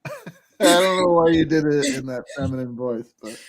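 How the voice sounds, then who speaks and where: A man's voice: a little high, huge pitch swings, normal speed, gravelly, slight background noise. A man co-hosting a podcast in casual chat, rambling with lots of fillers and frequent laughter. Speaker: podcast co-host.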